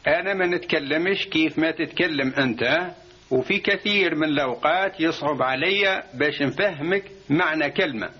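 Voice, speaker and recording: A man with an Algerian Arabic accent, calmly telling a religious parable and explaining it as a narrator. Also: on the high side, breathy edge. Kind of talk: religious storytelling. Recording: dull lo-fi recording.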